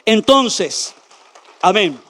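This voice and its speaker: A man preaching a sermon as pastor, asking the congregation questions and swinging from loud declarations to hushed near-whispers. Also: high voice, sing-song, drawn-out words. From Chile.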